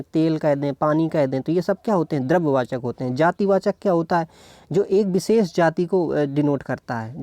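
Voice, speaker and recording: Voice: medium pitch, warm tone, no echo. An exam-prep tutor giving an online lesson, patiently talking through each practice question, posing questions and then answering them. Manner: patient, talks through each answer and asks itself questions, keeps checking in with "ok".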